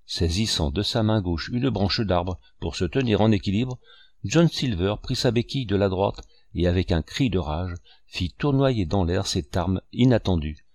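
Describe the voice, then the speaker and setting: A man narrating an audiobook in a steady, measured storytelling manner. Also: low voice, dry recording, studio quality.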